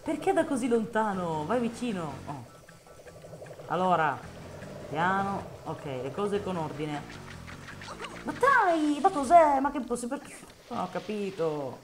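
A woman streams a game live, muttering to herself and yelling at the screen when it goes wrong. Her pitch leaps and swoops as she talks. Game music plays clearly behind her. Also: very animated, unhurried. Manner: frustrated outbursts, swearing, talking to the game. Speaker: gameplay streamer. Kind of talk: live gameplay commentary.

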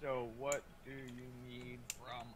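A man chatting casually while playing a game, cracking jokes and firing off quick questions. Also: mid-range voice, flat delivery, noisy background. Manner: joking, quick-fire questions. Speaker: game player. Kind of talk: casual gaming chat.

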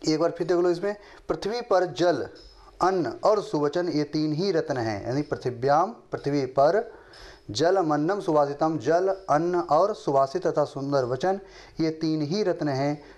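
A middle-aged man teaching a lesson, reciting verses slowly in a chant and then explaining them quickly. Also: on the high side, darkish tone. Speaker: Sanskrit teacher.

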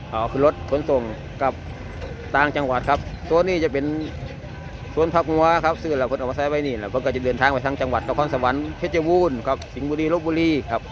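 A man with an Isan Thai accent giving chatty on-the-spot commentary at an outdoor livestock market, repeating prices and numbers aloud. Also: medium pitch. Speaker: vlogger touring a cattle market. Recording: outdoor market noise, vehicles nearby.

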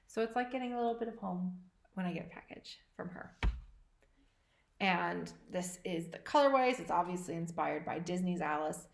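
A woman's voice: on the low side, expressive, normal speed, gravelly, roomy sound. A woman co-hosting a podcast, chatting casually and enthusiastically about knitting. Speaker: podcast co-host.

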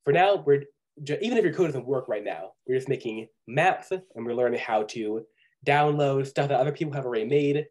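Over a video call, a sick male instructor leads an online coding class at a medium pitch. His delivery is unhurried and patient, full of pauses and filler ums.

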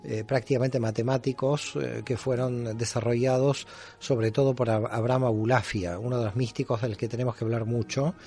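Male guest scholar, mellow dark tone, formal explainer. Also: medium pitch, fairly even intonation, normal speed, husky. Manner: explanatory, formal, with frequent fillers. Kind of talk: explanatory interview answers.

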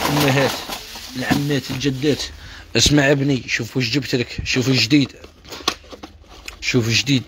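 رجل جزائري سريع الكلام جداً. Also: male voice, medium pitch, heavy background noise. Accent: Algerian Arabic. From Algeria. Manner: pushy, repetitive, calls to the viewers. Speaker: shop seller. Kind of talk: live sales pitch.

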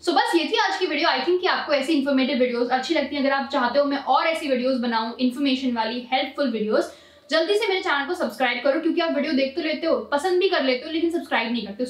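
A young woman giving casual fashion tips in a chatty vlog, mixing English words into her Hindi and calling her viewers guys. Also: sits high. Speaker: fashion vlogger. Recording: roomy echo, from a distance.

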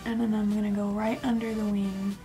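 A young woman walks through a makeup tutorial in a relaxed, chatty way. Now and then her voice sinks to a soft near whisper as she works. Faint music plays underneath. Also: medium pitch, brisk. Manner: casual, step-by-step, sometimes drops to a near whisper. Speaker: makeup vlogger.

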